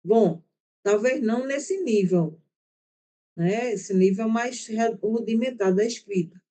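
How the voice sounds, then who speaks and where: A woman's voice: fairly high pitch, slow, dark tone. A woman teacher with a Brazilian accent giving an online class, talking at length and checking in with her students as she explains. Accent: Brazilian Portuguese. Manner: chatty, explains at length with frequent "né?" and "tá?".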